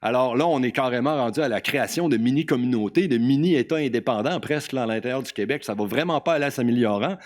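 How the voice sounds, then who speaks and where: A man's voice: mid-range voice, quick pace, few pauses. A man with a Québécois French accent giving a conference talk, speaking informally, repeating words and often tagging "là". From Quebec. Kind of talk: conference talk quoting testimonies.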